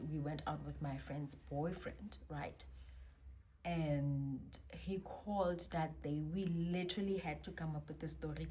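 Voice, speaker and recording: Low-voiced woman telling a story. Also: slight background noise. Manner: animated, slangy storytelling with sudden loud bursts. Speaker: vlogger. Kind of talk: storytime vlog.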